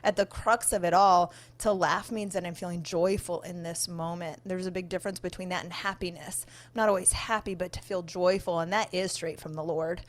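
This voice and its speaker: A woman's voice: lowish voice, fairly even intonation, brisk, few pauses. A woman co-hosting a parenting discussion, explaining her points earnestly. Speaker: podcast co-host, family services worker. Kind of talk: conversational discussion.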